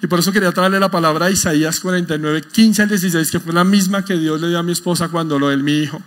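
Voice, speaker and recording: High-voiced man preaching a sermon. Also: steady tone, fast talker. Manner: asks the congregation questions, emphatic. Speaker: pastor.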